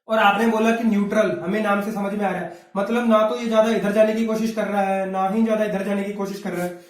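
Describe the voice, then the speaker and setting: A man's voice: high-pitched, recorded from a distance. A man giving a classroom lecture, chatty, full of rhetorical questions. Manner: conversational, asks rhetorical questions, says "bhaiya". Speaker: teacher. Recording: echoey room, voice off-mic.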